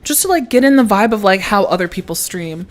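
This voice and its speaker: A woman streamer chats casually on a livestream from her home streaming setup, swearing freely and often laughing. Her medium-pitched voice is animated and a little fast, with faint music behind her.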